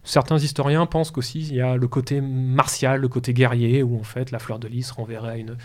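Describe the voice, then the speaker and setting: A man's voice: medium pitch, little pitch movement, a little fast, a little mellow. Hesitant French man explaining history. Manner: hesitant, many fillers and restarts, explanatory. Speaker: history guest explaining heraldry. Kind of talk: radio talk show explanation. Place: radio studio.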